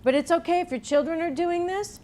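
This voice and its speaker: A woman's voice: extremely high pitch, brisk, dark tone. A woman hosting a casual cooking demonstration, chatting through each step with folksy asides. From Cape Cod, also grew up partly in Berlin in a US military family. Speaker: cooking show host. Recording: noticeable background room noise.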